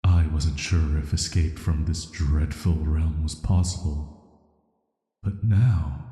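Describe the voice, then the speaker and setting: A man voices an ancient, banished villain in an atmospheric roleplay meant to aid sleep, sounding intimate yet quietly dangerous. Calm and intrigued, he speaks flatly, deliberately and flirtatiously in a very low, dark, soft voice. The recording has long, echoey reverb.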